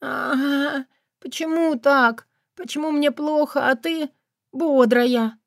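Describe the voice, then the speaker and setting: Woman voicing a hoarse, hungover girlfriend. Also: sits high, fairly even intonation, slow pace, no room sound, clean studio sound. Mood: whiny hungover. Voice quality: hoarse, whiny. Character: hungover, blunt, teasing young woman friend. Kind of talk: audiobook character voice.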